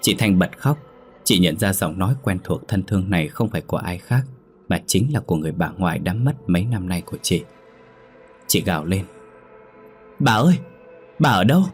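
A man narrating a scripted ghost story in a measured, dramatic way. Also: deep voice, a little mellow, soft background music.

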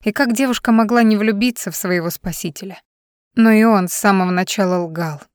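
A woman's voice: medium pitch, fairly quick, clear, resonant tone, no room sound, studio quality, close to an everyday voice. A woman reading the part of a tearful young woman worn out by lies in an audiobook. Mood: distraught. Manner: emotional, pleading.

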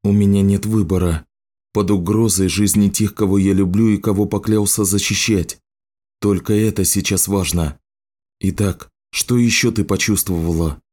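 A man's voice: low-pitched, normal speed. Man voicing grim resolute lord. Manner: firm, steady.

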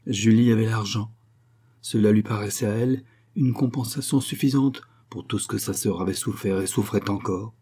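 A man reading a classic novel aloud in steady, measured narration. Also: lowish voice, slightly rough. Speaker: audiobook reader.

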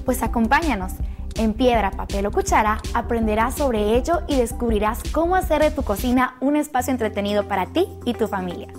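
A woman's voice: on the high side, animated, brisk. A woman reading a scripted promo in an upbeat, inviting way. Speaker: ad announcer. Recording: voice over clear music.

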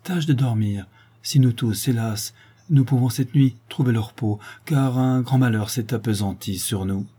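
A man's voice: medium pitch, moderate pace, dark tone, slightly rough, lightly acted. A man voicing an impassioned pleading duchess. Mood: sorrowful. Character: proud, desperate noblewoman, a mother pleading. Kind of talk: audiobook reading.

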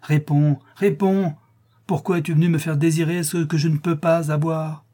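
A man's voice: mid-range voice, normal speed, a little mellow, breathy edge, close to an everyday voice. A man voicing a fierce, bitter street woman who lashes out in anger. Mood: furious. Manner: angry, tormented outbursts.

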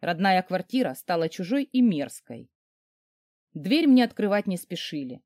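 A woman telling a story in the first person, expressive and emotional, her pitch moving widely through each sentence. She sits close to the mic in a dry, dead-quiet sound. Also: unhurried, dry recording. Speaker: audiobook narrator. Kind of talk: first-person audiobook narration.

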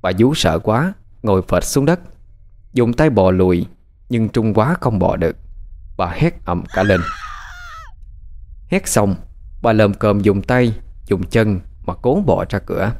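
A man narrating a scripted horror story with lively, dramatic delivery. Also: fairly low pitch, a little slow, pauses often. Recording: faint music behind.

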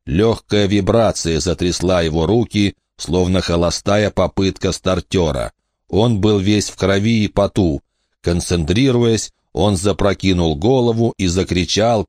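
A man narrating an audiobook in a steady, tense storytelling manner. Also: sits low, no room sound, clean studio sound.

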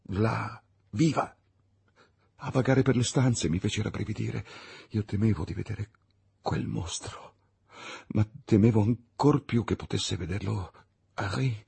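A man narrating an audiobook in a theatrical way, dropping to hushed whispers and rising to loud outbursts. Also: low-pitched, vocal fry, breathy edge. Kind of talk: dramatic audiobook reading.

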